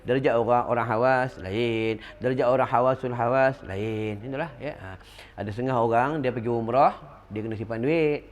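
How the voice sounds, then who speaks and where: A middle-aged Malaysian man giving a religious lecture to an audience, telling stories with lively call-and-response asides. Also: medium pitch, moderate pace, lo-fi sound, slight background noise. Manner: animated storytelling with call-and-response fillers. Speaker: religious teacher.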